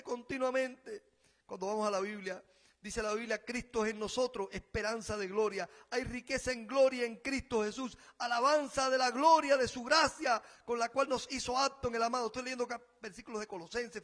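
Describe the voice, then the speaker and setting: A Cuban man with a Cuban Spanish accent preaching a sermon as pastor, rising loud on key phrases and then dropping quiet. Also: very high-pitched, fairly even intonation, a little fast. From Cuba.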